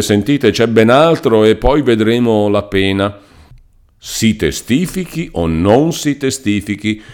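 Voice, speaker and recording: A man's voice: lowish voice, a little mellow, smooth. A man voicing a pompous, fussy middle-aged country lawyer who blusters and reads legal texts theatrically.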